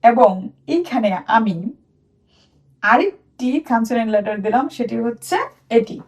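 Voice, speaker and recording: Bangladeshi woman teaching phonics, high voice. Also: lively intonation, darkish tone, recorded from a distance. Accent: Bangladeshi Bengali. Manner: repeats sounds slowly for children to copy. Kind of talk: children's phonics lesson.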